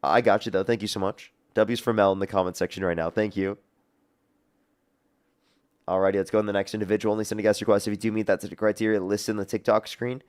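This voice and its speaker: A man hosting a livestream debate, screening callers in a fast, repetitive patter. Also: lowish voice, flat delivery. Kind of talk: casual livestream talk.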